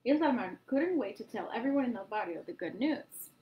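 A woman storyteller reading a picture book aloud to children in an animated way. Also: on the high side, normal speed, dull audio. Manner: animated, addresses young listeners.

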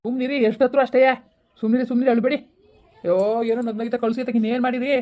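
A performer doing a hushing village neighbour. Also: medium pitch, little pitch movement, rapid-fire, some chatter behind, natural voice. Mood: soothing. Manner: hushing, soothing.

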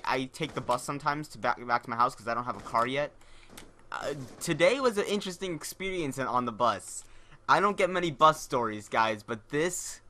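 A man's voice: medium pitch, pushed and bright. A young man hosting his gaming channel, telling a casual story in a rambling, profane way, often repeating and restarting words.

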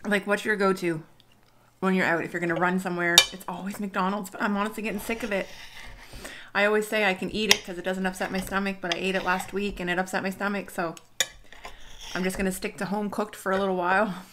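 A woman's voice: mid-range voice, little pitch movement, fast talker, noisy background. A woman in her thirties chatting casually to viewers while eating at home, rambling and laughing often. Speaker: mukbang vlogger. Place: home dining room.

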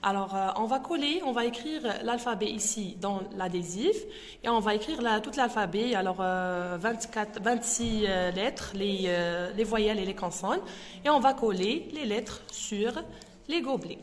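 With a long reverb tail trailing her mid-range voice, a woman who speaks Arabic natively hosts a reading tutorial for small children. As the teacher, she hesitates with fillers and breaks words into syllables slowly.

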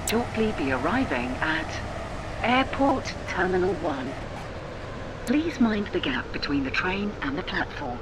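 A woman voicing an automated onboard train announcement, calm, measured and formal. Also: on the low side, background noise. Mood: announcing.

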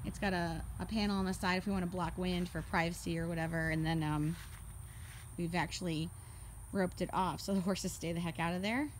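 A woman giving a casual walkthrough of her horse barn on a handheld phone, chatty and quick to laugh as she points things out. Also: on the low side, fairly even intonation, a little hiss or hum. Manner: chatty, laughs often, lists items as she goes. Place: horse barn, paddock and tack room, in and out of doors. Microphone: handheld phone camera.

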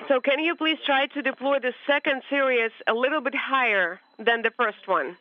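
A man on a space-to-ground radio link, giving brisk, terse call-and-response procedure talk. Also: extremely high pitch. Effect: crackly space-to-ground radio link. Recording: muffled noisy radio feed.

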